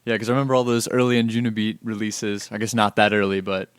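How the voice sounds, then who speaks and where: A man hosting a casual interview, asking relaxed, laid-back questions with fillers. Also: lowish voice, quick pace, clear, resonant tone. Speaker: podcast host interviewer.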